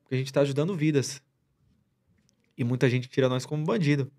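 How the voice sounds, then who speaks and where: A man's voice: medium pitch, fairly quick, darkish tone. Slangy rambling man telling a story. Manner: rambling slangy retelling with many restarts. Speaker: podcast guest. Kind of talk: casual storytelling chat.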